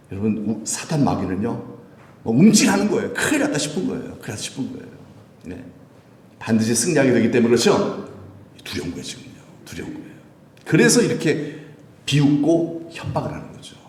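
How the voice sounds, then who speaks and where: A man preaching a Sunday sermon as pastor, questioning the congregation and building to shouted emphasis. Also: mid-range voice. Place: church sanctuary. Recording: echoey church room.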